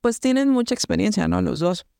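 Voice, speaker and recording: A Mexican woman co-hosting a podcast, telling a story in casual chat with lots of slang and an animated manner. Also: mid-range voice, a little fast, vocal fry, clean tone, no echo, studio quality. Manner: animated, slangy, acts out voices in anecdotes. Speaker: podcast co-host.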